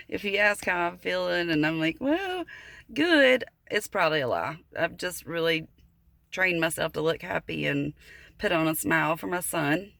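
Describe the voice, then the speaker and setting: Brief: earnest woman in her thirties, halting casual vlog delivery with a gravelly edge. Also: sits low, a bit bright, a little hiss or hum. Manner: halting, earnest, full of fillers and restarts. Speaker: vlogger. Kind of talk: casual personal vlog talk.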